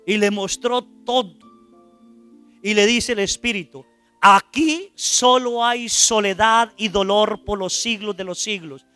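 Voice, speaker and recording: A man's voice: high-pitched, slow pace, pushed and bright, clean tone, faint music behind. A priest preaching a sermon, retelling a man's account dramatically and asking his listeners questions along the way. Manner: dramatic retelling, voice rising to cries in quoted lines; asks the audience rhetorical questions. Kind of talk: sermon storytelling.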